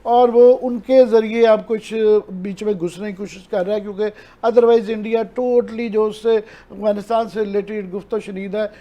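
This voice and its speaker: A man's voice: high voice, fairly even intonation, few pauses, dull audio. A man with a Pakistani Urdu accent, explaining events earnestly as an analyst on a news talk show and mixing in English terms. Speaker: political analyst.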